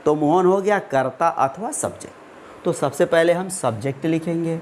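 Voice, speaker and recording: A man's voice: fairly high pitch, normal speed, slight background noise. A man teaching an English grammar lesson, asking and answering his own questions and drawing out the example words. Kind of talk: classroom-style grammar lesson.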